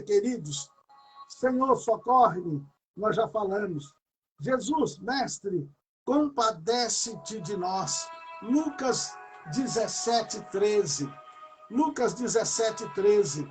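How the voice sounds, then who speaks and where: A man preaching at a prayer service, exhorting fervently with repetition, loud bursts and moments of speaking in tongues. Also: sits high, poor audio.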